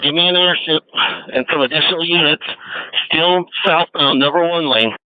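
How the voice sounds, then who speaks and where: A man's voice: a little high, moderate pace, narrow, tinny audio. A man, a deputy in a pursuit, speaking over a police radio in clipped, urgent callouts. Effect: police radio transmission.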